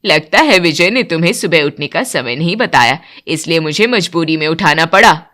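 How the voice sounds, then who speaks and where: A woman's voice: deep voice, animated, normal speed, fairly bright tone, voice pushed down. A woman voicing a strict older mother-in-law who lays down the house rules in a cartoon story. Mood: stern.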